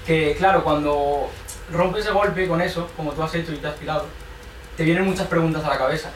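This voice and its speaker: Man, earnest advice-giver in a group, fairly high voice, picked up from afar in an echoing room. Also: fairly even intonation, fairly quick. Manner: earnest, advising, keeps adding a tag question. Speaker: group participant. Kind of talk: reflective group sharing talk. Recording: echoey room from far off, faint noise.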